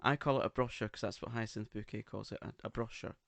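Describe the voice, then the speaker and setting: A man's voice: lowish voice, fairly even intonation, quick pace, creaky, a little hiss or hum. A man co-hosting a casual podcast, with an English accent and a camp, theatrical, teasing way of talking. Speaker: podcast co-host. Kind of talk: casual chat. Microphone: studio microphone.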